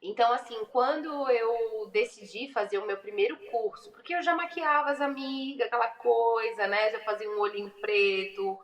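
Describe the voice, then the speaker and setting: Mulher do Sul, voz um pouco aguda. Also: female voice, on the high side, normal speed, hardly any pauses, echoey room, rough recording. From southern Brazil. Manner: chatty, confiding, frequent tag questions. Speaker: guest makeup artist. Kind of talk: casual podcast chat.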